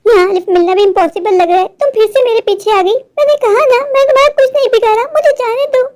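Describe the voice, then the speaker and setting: Woman voicing a scared high-voiced office man. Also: fairly even intonation, fast talker, a little mellow. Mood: frightened. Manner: anxious, pleading, irritable toward his wife. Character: frightened adult male office worker, tired husband.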